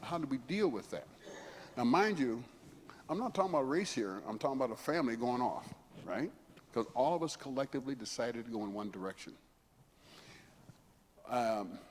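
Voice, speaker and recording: A man in his seventies, a guest speaker telling rambling, chuckling anecdotes with frequent asides in a church hall. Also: medium pitch. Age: 70s. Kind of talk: anecdotal storytelling talk. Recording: long hall reverb, faint background noise.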